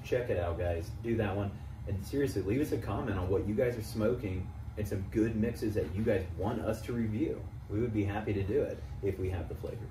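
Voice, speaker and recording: Low-voiced man chatting in a noisy room. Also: brisk. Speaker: co-host of a product review. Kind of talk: casual review chat. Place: small indoor room, seated. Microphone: camera a few feet away. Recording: roomy, distant mic, noisy background.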